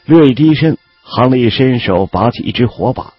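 A man giving an expressive scripted audiobook narration of a fantasy novel. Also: moderate pace, husky, no room sound, muffled recording, faint music behind. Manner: expressive storytelling with lively pitch.

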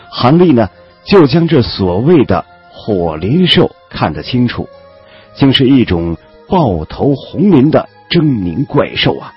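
Brief: male audiobook narrator, low and husky, lively and animated delivery; muffled lo-fi track with faint music. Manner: expressive storytelling with lively pitch.

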